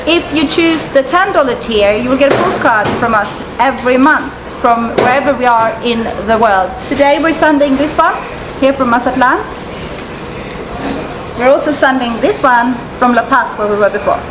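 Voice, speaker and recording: A woman's voice: high voice, moderate pace, background noise. A woman hosting a travel vlog, chatting casually and directly to her viewers. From Europe. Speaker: travel vlogger.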